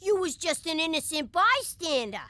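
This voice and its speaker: High-voiced, menacing mob kid sister. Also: female voice, animated, moderate pace, bright, forceful tone, dry recording, heavily acted. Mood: angry bullying. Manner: tough, slangy, threatening. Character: menacing, streetwise young mob daughter, cocky bully. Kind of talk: adult cartoon voice acting.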